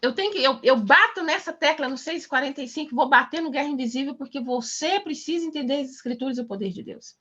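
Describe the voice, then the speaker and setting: A woman's voice: high-pitched, quick pace, few pauses, bright, forceful tone, muffled recording. A Brazilian woman mentoring an online class, preaching emphatically with rhetorical questions over a video call.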